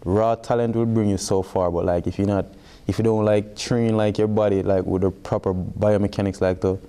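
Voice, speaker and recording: A young Jamaican-accented athlete in his twenties chats in a casual interview, his fairly low voice flat, warm, clear and resonant at a normal speed. He fills his explanations with frequent "like".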